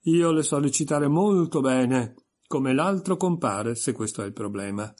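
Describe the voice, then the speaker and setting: A man's voice: mid-range voice, animated, unhurried, darkish tone. A man reading an audiobook voices a pompous, stern egg creature reciting verse.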